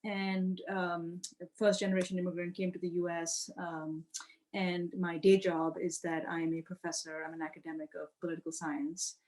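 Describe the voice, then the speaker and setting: A woman professor from Karachi recounts her experiences in a relaxed chat. Her voice sits a little low, and she speaks softly and thoughtfully, often trailing off with fillers. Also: moderate pace. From Pakistan, Karachi. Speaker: political science professor. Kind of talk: casual conversational storytelling.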